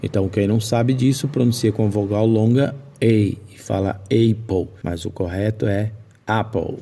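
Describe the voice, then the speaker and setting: A man's voice: on the low side, fairly even intonation, moderate pace, warm tone. A man teaching English pronunciation to Portuguese speakers in a video lesson, explaining patiently and drawing out example words.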